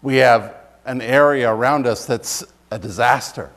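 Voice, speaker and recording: A man's voice: medium pitch, a little slow, vocal fry, fairly bright tone. A male pastor giving a conversational sermon, reading scripture expressively and chuckling between points.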